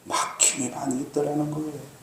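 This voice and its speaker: A man preaching a sermon as pastor, earnest, with dramatic pauses and slow emphasis. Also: fairly high pitch, little pitch movement. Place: church sanctuary. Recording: very echoey church hall, faint noise.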